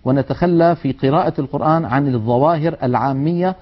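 Here a man with a slightly high voice gives a tajweed lesson, modelling how letters in Quran recitation should sound. He talks quickly, earnest and admonishing in manner. The audio is dull and lo-fi.

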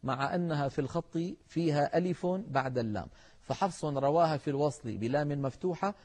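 A middle-aged man, a Quran recitation scholar giving a televised lesson in a measured, explanatory way and speaking straight to his viewers. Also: on the high side, darkish tone. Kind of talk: televised religious lesson with chanted verses.

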